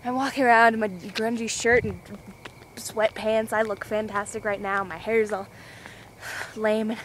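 Walking outside with a handheld camera, a young adult woman vlogs in a rambling, scatterbrained, giggly way. Her voice is fairly high and bright, and the low-quality recording carries some hiss or hum.

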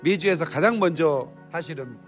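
A man's voice: a little high, lively intonation, normal speed, soft background music. A man in his fifties, a pastor, conducting a casual conversational interview indoors with a handheld phone as microphone. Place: indoor hotel lobby lounge.

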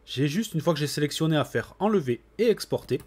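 A man with a slightly high, husky voice narrates a screen-recorded software tutorial. He talks in a relaxed, chatty way, filling pauses with little interjections as he works. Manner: relaxed, chatty, with frequent "hop" and "voilà". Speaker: computer tutorial host.

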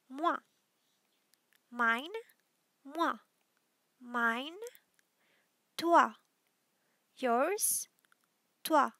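A woman with a Mauritian accent teaching vocabulary as a scripted drill, saying each word deliberately and repeating it. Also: sits high, pushed and bright, dry recording, clean studio sound. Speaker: language teacher.

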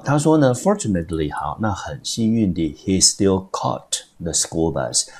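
A man's voice: low-pitched, a little mellow, slightly rough. A man, teaching English vocabulary patiently and step by step, with many fillers. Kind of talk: vocabulary lesson.

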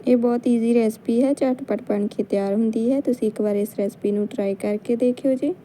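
A woman with a Punjabi accent narrates a home recipe in calm, steady steps. Her voice is very dark and mellow, sitting slightly high, with a flat, even delivery. A faint hiss of noise sits behind her. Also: brisk, poor audio. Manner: calm step-by-step instruction. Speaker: cooking channel host. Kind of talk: cooking tutorial narration.

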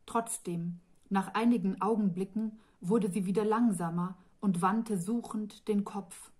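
A woman author narrating her own fantasy novel in a calm, measured storytelling manner. She reads slowly and evenly in a mid-pitched voice. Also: husky.

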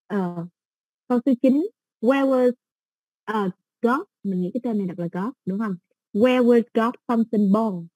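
A woman with a Southern Vietnamese accent teaches an English exam-prep lesson, moving patiently step by step and using soft fillers. Her pitch is medium, and there is no room sound.

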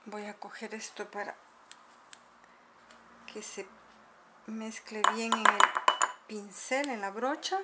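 A middle-aged woman with a medium-pitched voice speaks slowly and pauses often as she calmly demonstrates mixing powders, one step at a time. This casual makeup tutorial is shot from above her home table. Heavy background noise includes clinking spoons, bowls and dishes.

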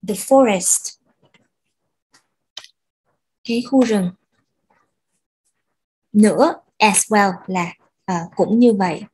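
Woman teacher, slow and patient, breathy voice, repeats words to drill pronunciation. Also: mid-range voice, a little mellow, low-quality recording. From Vietnam. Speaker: English teacher. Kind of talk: bilingual language lesson.

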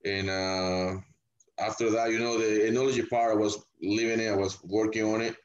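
Podcast guest: man from El Salvador, deep voice, easygoing and rambling, muffled lo-fi recording. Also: normal speed, slight background noise. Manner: relaxed, rambling, many fillers. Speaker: winemaker guest. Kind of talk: casual podcast interview. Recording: dull lo-fi audio.

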